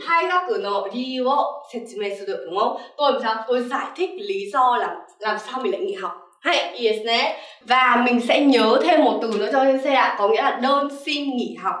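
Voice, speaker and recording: This young woman's voice is fairly high and fairly bright, moving at a moderate pace. Teaching Japanese words, she refers to herself as sensei and frequently adds "right?" as a check. She sounds distant and off-mic, and the room echoes.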